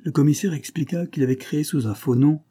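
A man reading a novel aloud as audiobook narrator, in a calm, even storytelling delivery. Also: on the high side, fast talker, breathy edge. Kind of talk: scripted narration.

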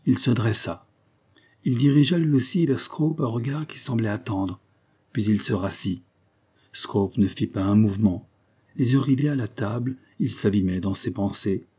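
A man reading a novel aloud at a measured, even pace. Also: lowish voice, slightly rough. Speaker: audiobook narrator. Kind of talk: scripted narration.

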